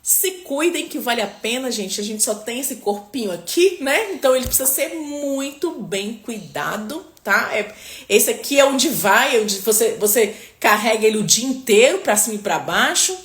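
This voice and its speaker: Chatty woman, slightly high voice. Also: expressive, moderate pace, a bit bright. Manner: chatty, peppers speech with "tá?" and "né?"; adds religious blessings. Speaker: nutritionist. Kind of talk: live-stream chat answering viewer comments. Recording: roomy, echoey room.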